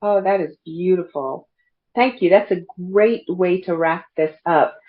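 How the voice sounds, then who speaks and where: Deep-voiced woman host, dull sound. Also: measured pace. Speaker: podcast host. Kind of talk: interview hosting.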